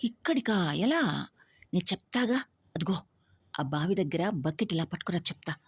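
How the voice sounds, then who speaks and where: A woman voicing an anxious but bold young woman who questions sharply and loudly, in a husky voice. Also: fairly low pitch, expressive, normal speed. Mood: startled, eager.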